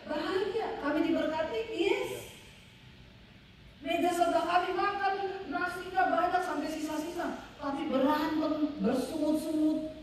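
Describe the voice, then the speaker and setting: A woman pastor preaching an animated sermon, telling stories and calling out to the congregation. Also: extremely high pitch, moderate pace, a little hiss or hum. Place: large revival hall. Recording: echoey hall, mic at a distance.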